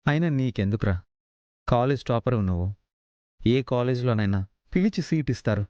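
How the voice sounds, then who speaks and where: An actor playing a caring elder brother who speaks gently and reassuringly in a TV drama. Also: male voice, mid-range voice, expressive, brisk, dry recording, dull audio, close to an everyday voice. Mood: gentle. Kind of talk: television drama acting.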